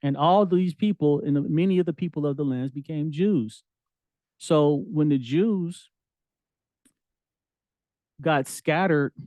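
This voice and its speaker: A man gives a relaxed scripture lesson, mixing slang with verses he reads aloud. His voice sits a little high for a man. The sound is close and dry. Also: dry recording, highs cut off. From United States. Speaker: Bible teacher.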